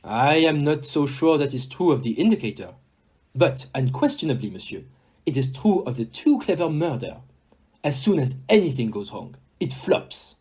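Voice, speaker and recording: A courteous, self-assured detective played by an amateur actor. The delivery is theatrical and precise, with a very animated melody that rises and dips, at a middling pitch. It belongs to an audio mystery play. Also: moderate pace, husky, poor audio. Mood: sceptical. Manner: theatrical, courteous, sprinkles in French words. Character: Hercule Poirot, polite, self-assured foreign detective, precise and dramatic.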